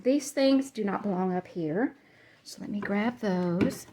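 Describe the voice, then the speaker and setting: A woman's voice: mid-range voice, unhurried, dark tone, a little hiss or hum. A woman narrating a casual decluttering vlog as she walks through her home, chatty and rambling, a little out of breath, laughing at herself. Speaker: vlogger. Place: cluttered home, moving between rooms.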